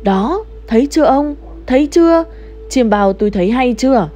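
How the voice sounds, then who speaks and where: A woman's voice: on the high side, a little fast, dark tone, faint music behind, lightly acted. A woman voicing a frightened older village wife, agitated and pleading. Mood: vindicated.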